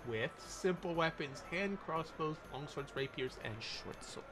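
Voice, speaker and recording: A man narrating a tabletop game casually as game master, describing scenes in halting pieces. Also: fairly high pitch, lively intonation, a bit bright, soft background music.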